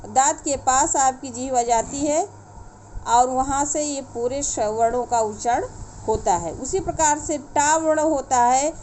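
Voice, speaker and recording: Woman teacher, high voice, slow and patient explainer, faint background noise. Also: darkish tone. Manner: slow, explanatory, checks in with "theek hai". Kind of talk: online Sanskrit lesson for children.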